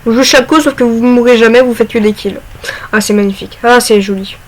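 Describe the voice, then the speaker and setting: A young woman casually talking through game tips, chatty and excitable with lots of fillers. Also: on the high side, fast. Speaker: gaming YouTuber. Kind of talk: casual gaming commentary.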